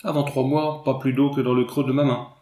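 A man's voice: mid-range voice, level tone, brisk, mellow, reverberant, natural voice. Courtinet, a man doing a plump fussy landowner. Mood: lamenting. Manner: theatrical, lamenting, coaxing. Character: small fat fussy male landowner, plaintive, wheedling.

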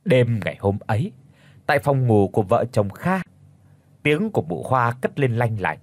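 A man reading a dramatic story aloud as an audiobook narrator, expressive throughout. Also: medium pitch, moderate pace.

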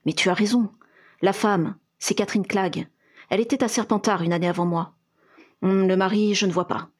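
A man's voice: high voice, steady tone, normal speed. A woman reading aloud and voicing a wary, calculating wizard investigator advising his partner.

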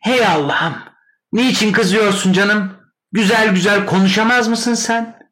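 A man voicing a quarrelling young woman who scolds her brother in a high, exasperated voice. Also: measured pace, fairly bright tone.

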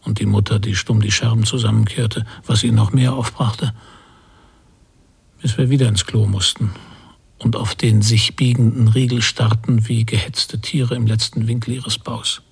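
Here the actor again voices a haunted middle-aged father, gravelly and husky, brooding over a violent childhood in a radio drama monologue. His exaggerated voice runs low with flat delivery at a normal speed.

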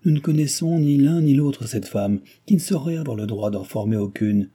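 A man's voice: medium pitch, animated, normal speed, mellow, slightly rough, pitched above the performer's own voice. A man reading aloud and voicing a young bridegroom who pleads and cries out in desperation. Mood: desperate. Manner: raised, urgent outcries.

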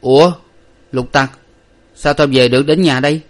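A man reading a story, voicing a young gentleman master who gives orders curtly. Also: mid-range voice, brisk, lightly acted. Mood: commanding. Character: young gentleman master, dazed but commanding.

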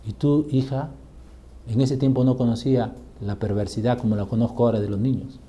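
A male pastor preaching a sermon with passion, building up to loud, emphatic peaks. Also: mid-range voice, fairly even intonation, a little fast, muffled recording.

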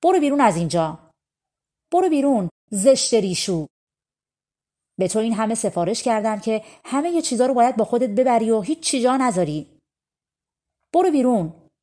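A woman voicing a stern old grandfather spirit who speaks from the hearth, giving loud scolding commands. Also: medium pitch, animated, lightly acted. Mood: angry.

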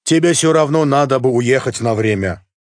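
A man's voice: mid-range voice, no echo, clean studio sound, pitched above the performer's own voice, close to an everyday voice. Man doing terse accented man from Baku. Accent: Azerbaijani. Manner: terse, unhurried, broken phrasing. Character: calm laconic man from Baku, adult.

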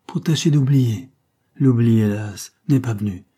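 A man's voice: mid-range voice, unhurried, warm tone, breathy edge. A man voicing a scheming, cruel Creole woman with a sugary, coaxing delivery in a read-aloud novel.

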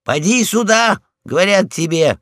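A man voicing a pompous, bossy male guard dog in a storybook reading, loud and commanding. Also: on the high side, sing-song, slow, gravelly, no echo, clean studio sound, voice pushed up, heavily acted.

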